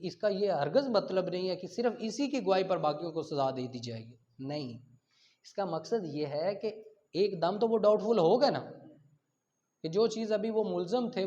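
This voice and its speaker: A man with a high voice and a darkish tone explains legal concepts with examples, speaking in a Pakistani accent. He asks questions and answers them himself while moving between Urdu and English legal terms. The sound quality is dull and lo-fi.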